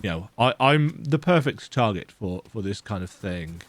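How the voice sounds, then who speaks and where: Fairly low and expressive, this man's voice moves at a moderate pace over slight background noise. He hosts gaming videos and has a mild cold, and here he's playing a horror game at home in a dark room, lights off, with casual, self-deprecating chatter.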